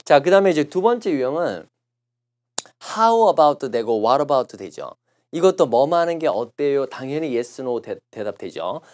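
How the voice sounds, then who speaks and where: A male lecturer teaching English test strategy in a recorded class. His pitch swings up and down a lot as he explains. He keeps to a middle register and patiently repeats phrases slowly to model pronunciation. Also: big pitch swings, darkish tone.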